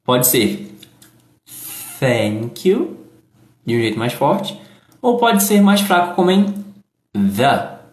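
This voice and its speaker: A Brazilian-accented man gives a live online English lesson, modeling each phrase slowly and carefully. His pitch moves a lot as he explains, with an unhurried pace. The room around him sounds echoey. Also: sing-song. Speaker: English teacher.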